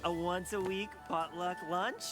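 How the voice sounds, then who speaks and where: A man's voice: high-pitched, fairly even intonation, a little slow, over music. An actor voicing a kind young male changeling ruler in a cartoon, earnest and eager to please. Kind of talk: cartoon voice acting.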